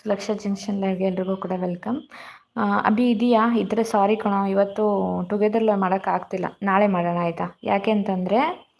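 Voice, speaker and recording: A woman hosting a casual live stream from her phone in a dark room at home, her voice hoarse and cracking from illness as she greets viewers by name. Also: medium pitch, steady tone, moderate pace. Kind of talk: casual live chat reading comments. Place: dark room at home during power cut.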